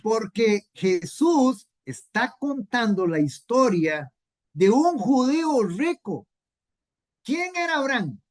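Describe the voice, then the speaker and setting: A woman's voice: a little high, sing-song, slow, a little mellow. A woman teaching a Bible class in an earnest way, repeating key points and asking rhetorical questions.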